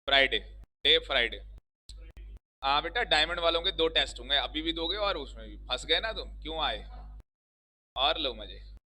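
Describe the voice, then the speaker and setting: Male law teacher, very bright tone, slightly high, jokey with students, classroom mic. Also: expressive, normal speed, low-quality recording. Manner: joking, teasing students, quizzing them. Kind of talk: classroom lecture with banter.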